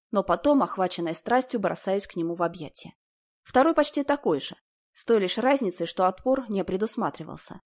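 A woman reading a first-person story aloud as an audiobook narrator, in a steady, conversational storytelling manner. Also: medium pitch.

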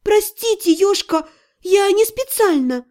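A woman voicing a frightened young female mage who squeaks and babbles in fear. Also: lively intonation, takes it slowly, mellow, heavily acted. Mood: flustered. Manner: squeaky, bleating, flustered.

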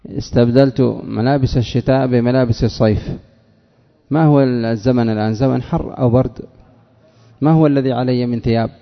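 With a steady tone and medium pitch, a sheikh talks fairly quickly while teaching Arabic grammar and morphology to a class. He repeats examples and quizzes students by name. The audio is dull, lo-fi, and reverberant from the hall.

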